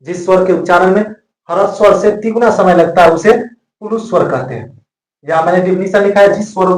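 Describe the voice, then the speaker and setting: A man teaches grammar in a bright, fairly high voice. He drills each point by saying it again and again. The sound is roomy and echoey. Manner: repetitive, drills points by repeating them. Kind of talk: classroom grammar lesson. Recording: echoey room.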